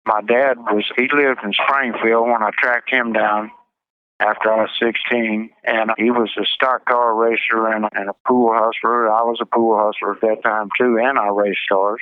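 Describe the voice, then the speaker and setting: A man, an inmate interviewed over a prison phone line, giving terse, halting short answers. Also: lowish voice, level tone, clear, resonant tone, dry recording. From Missouri.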